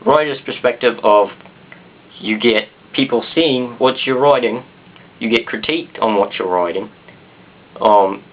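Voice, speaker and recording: A man with a Southern US accent rambling casually to the camera in an off-the-cuff, self-deprecating vlog. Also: mid-range voice. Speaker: video blogger. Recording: dull, muffled consumer camera sound.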